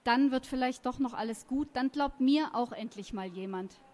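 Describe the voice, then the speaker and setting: A woman's voice: high voice, moderate pace, darkish tone, natural voice. A woman voicing a defiant, hot-tempered teenage girl who speaks in a heated way. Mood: determined.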